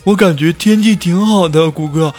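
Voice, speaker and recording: A man's voice: fairly high pitch, normal speed, a little mellow, soft background music, close to an everyday voice. A man voicing a timid, dim-witted young male friend who stammers and is eager to please, in a comedy monologue.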